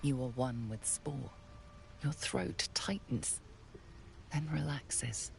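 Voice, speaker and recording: A woman giving measured, atmospheric scripted narration for a game. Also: rumbling low, gravelly, slight background noise, exaggerated voice. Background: game music.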